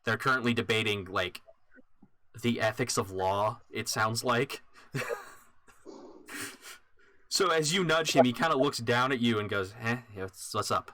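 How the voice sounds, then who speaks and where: A man narrating as dungeon master in a relaxed way with many pauses and fillers. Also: medium pitch, no room sound. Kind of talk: narrating a tabletop game.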